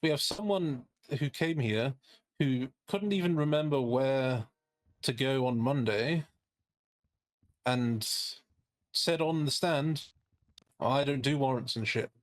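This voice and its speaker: A man's voice: medium pitch, slow pace, long pauses, no room sound, close to an everyday voice. Man playing pointed, sardonic defense lawyer, dry sound. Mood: sardonic, incredulous. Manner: rhetorical questions, pointed, sardonic. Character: skeptical, indignant male defense lawyer. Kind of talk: courtroom closing argument in a role-play game.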